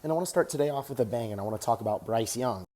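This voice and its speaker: American guy hyping up sports takes while on a treadmill, soft dark voice, vlog style. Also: medium pitch, lively intonation, rapid-fire. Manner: talking while exercising on a treadmill. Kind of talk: casual sports commentary to camera.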